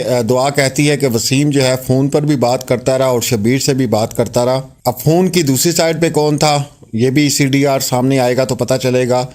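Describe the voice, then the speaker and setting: A man narrating and commenting on a court statement for his viewers, in a conversational style with many fillers. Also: mid-range voice.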